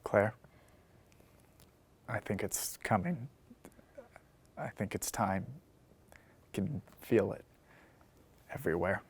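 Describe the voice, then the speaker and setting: A man's voice: fairly low pitch, slow pace, pauses often, breathy edge, exaggerated voice. A man playing a worn-out young man who admits he can be cold, speaking in a subdued, weary way in a drama reading. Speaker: actor. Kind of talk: staged radio-style drama reading.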